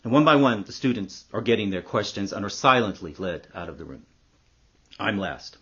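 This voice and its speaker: A man's voice: on the low side, animated, moderate pace, slightly rough, highs cut off. An actor playing an embittered, vindictive middle-aged man in a sardonic, profane monologue. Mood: hushed, wry. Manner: sardonic and profane, hushed storytelling turning to loud ranting. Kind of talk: acted dramatic monologue.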